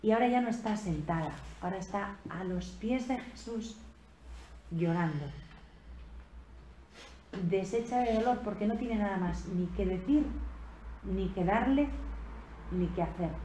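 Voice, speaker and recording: Woman preacher, mellow tone, slow reflective sermon, emphatic rises, echoey room, faint noise. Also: medium pitch. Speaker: preacher giving a retreat talk. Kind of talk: spiritual sermon on a Gospel passage. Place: convent retreat room.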